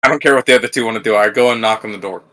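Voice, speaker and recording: A man's voice: fairly low pitch, very fast, pushed and bright, no echo, studio quality. A young man playing in a tabletop game, bold and teasing with the game master. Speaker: player.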